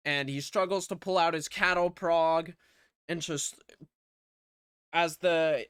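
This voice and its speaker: A man's voice: fairly high pitch, a bit bright, smooth, dry recording, clean studio sound. A man casually recapping a movie plot in a loose, rambling way, with swearing and lots of fillers. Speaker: movie reviewer.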